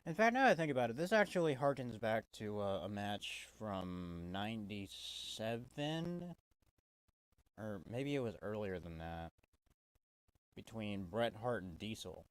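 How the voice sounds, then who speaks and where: A man's voice: lowish voice, sing-song, a little slow. A man giving a casual, swear-heavy wrestling review, exasperated and full of restarts. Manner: profane, exasperated, stumbling restarts.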